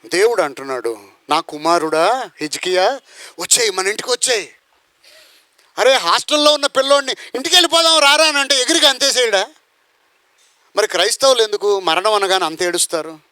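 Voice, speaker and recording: A man's voice: high-pitched, expressive, brisk, long pauses, sharp tone, dry recording. A man preaching a sermon, firing rhetorical questions and acting out the voices in his story. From India. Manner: rhetorical questions, acts out quoted voices, bursts into song. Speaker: pastor.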